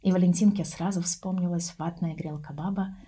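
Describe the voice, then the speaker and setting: Very raspy low-voiced woman narrator. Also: fairly even intonation, normal speed, mellow. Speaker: audiobook narrator. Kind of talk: storybook narration.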